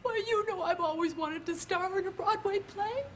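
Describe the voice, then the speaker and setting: An actress playing a hysterical, needy middle-aged wife, theatrical and tearful, in a television comedy sketch. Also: female voice, extremely high pitch, moderate pace, a little hiss or hum. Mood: wounded.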